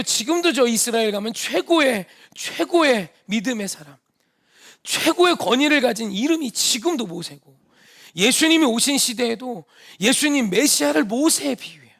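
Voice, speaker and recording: A male pastor delivers a Sunday sermon in a notably high voice. He presses his points with rhetorical questions and repeated phrases. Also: a bit bright. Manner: rhetorical questions, emphatic repetition.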